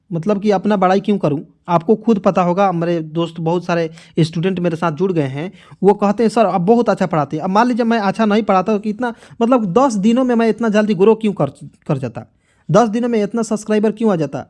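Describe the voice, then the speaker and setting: A man's voice: sits high, darkish tone. A man teaching Hindi reading in a casual spoken lesson, chatty and repetitive, calling his viewers friends and sounding out letters one by one. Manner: chatty, repeats himself, calls listeners friends; spells out letters slowly one by one.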